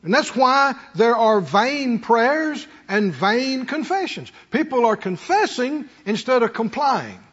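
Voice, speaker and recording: His voice is very high-pitched and sing-song, slow yet with hardly any pauses, fairly bright with a breathy edge. The middle-aged or older man preaches folksily and conversationally, offering homely stories and rhetorical questions in a muffled, long-reverb hall.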